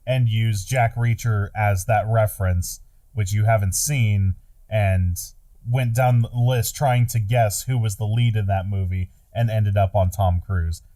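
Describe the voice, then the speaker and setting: A man as a podcast guest in casual chat, relaxed and hesitant with many fillers. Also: on the low side, unhurried.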